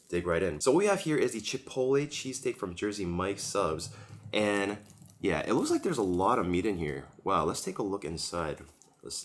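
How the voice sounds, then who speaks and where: A food vlogger with a low-pitched, slightly bright voice reviews a sandwich while eating it, recovering from a cold. His tasting commentary is chatty, rambling and leisurely, recorded at home on a camera-mounted shotgun mic.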